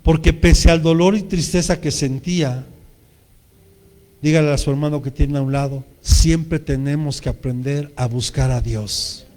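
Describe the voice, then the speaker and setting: A man's voice: fairly high pitch, measured pace, a little mellow, in a large hall. A man with a Mexican accent preaching a sermon as pastor, speaking earnestly and addressing the congregation directly. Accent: Mexican Spanish.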